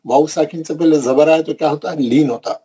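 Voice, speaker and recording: A man teaching Quran recitation in an online class, drilling syllables slowly and checking in with his students. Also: on the high side, warm tone, slightly rough, low-quality recording.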